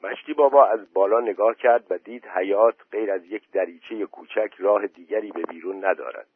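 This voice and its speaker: A man with a husky voice reading a story aloud in a plain, steady storytelling manner. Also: on the low side, slight background noise. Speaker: narrator. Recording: dry tinny phone-like voice message.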